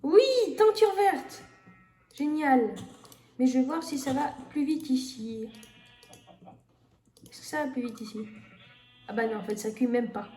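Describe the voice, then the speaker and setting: Casual gamer woman, high mellow voice, thinks aloud, echoey room. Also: normal speed, pauses often. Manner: thinking aloud, many fillers, talks to the viewers. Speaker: gamer streamer. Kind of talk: casual gameplay commentary. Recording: echoey room with faint noise.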